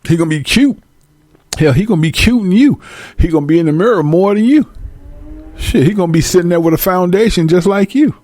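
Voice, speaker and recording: A man hosting a show, delivering a loud, slangy comedic rant with frequent laughter. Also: high-pitched, animated, a little fast, no echo. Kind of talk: stand-up style comedic rant.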